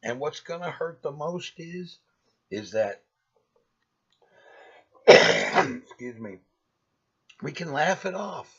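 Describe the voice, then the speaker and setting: A man's voice: fairly high pitch, animated, slow pace, pauses often, a bit bright, breathy edge, muffled recording. A man delivering a rambling, sarcastic comic rant and laughing at his own jokes. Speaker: comic ranter.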